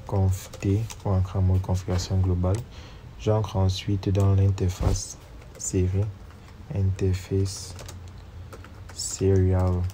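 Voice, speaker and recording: A deep-voiced networking instructor, suffering from a cold, narrates a step-by-step screen tutorial, speaking each command aloud and spelling out numbers while typing. Background noise is present.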